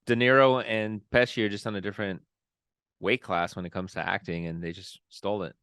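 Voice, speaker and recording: Joking laid-back podcast co-host, low voice. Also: male voice, fairly even intonation, brisk, fairly bright tone, clean tone, no room sound, studio quality. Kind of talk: casual chat.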